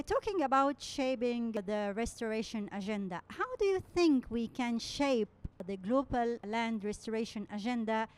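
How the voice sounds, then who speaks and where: A woman's voice: a little high, darkish tone. Encouraging woman podcast host. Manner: encouraging, frequent short affirmations. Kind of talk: interview.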